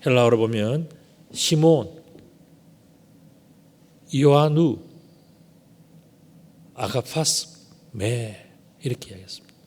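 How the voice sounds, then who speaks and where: A man's voice: medium pitch, takes it slowly, pauses often, a little mellow. A man preaching a sermon as pastor, asking rhetorical questions and swelling dramatically on key words. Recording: long church hall reverb.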